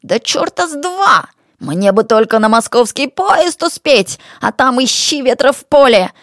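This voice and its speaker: A woman's voice: high voice, lively intonation, a little slow, a bit bright, no echo, studio quality, voice pushed up. A woman voicing a sly, cowardly ex-mullah of forty-two who fawns and stammers. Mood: pleading. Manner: fawning, stammering, pleading.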